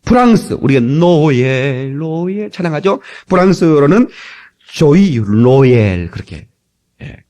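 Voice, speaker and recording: A man's voice: a little high, unhurried. Korean pastor guy preaching, bouncy up-and-down voice, jokes with the crowd, old tape recording. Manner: lively preaching with humor and asides to the congregation. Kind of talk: sermon. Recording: old cassette tape transfer.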